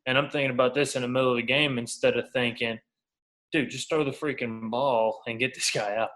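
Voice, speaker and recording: Speaking fairly quickly with a medium-pitched, fairly bright voice and mostly even intonation, this twenty-something pro baseball pitcher is being interviewed. He's candid and casual, telling anecdotes in colloquial language.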